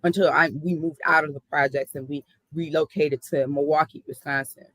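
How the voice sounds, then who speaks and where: A woman's voice: sits low, fairly even intonation, normal speed, a bit bright, no echo, rough recording. A woman from the South Side of Chicago, a hip hop artist telling her story in an earnest, reflective interview.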